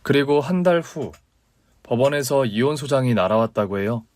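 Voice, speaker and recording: A man narrating a radio story calmly, retelling events he was told. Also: medium pitch, normal speed, no echo. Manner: calm, retelling secondhand.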